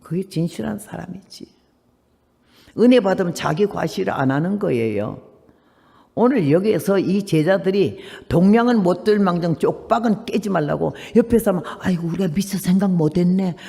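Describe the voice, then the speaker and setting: 팔십 대 할머니 선교사가 거칠고 걸걸한 목소리로 설교합니다. 대화를 직접 흉내 내며 생생하게 이야기를 풀어 가고, 힘주어 되묻는 질문을 던집니다. 울림이 길게 남는 넓은 예배당 녹음입니다. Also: female voice, lowish voice, moderate pace, vocal fry. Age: 80s. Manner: animated storytelling, acts out dialogue, emphatic rhetorical questions. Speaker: missionary preacher. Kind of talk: sermon. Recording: long hall reverb.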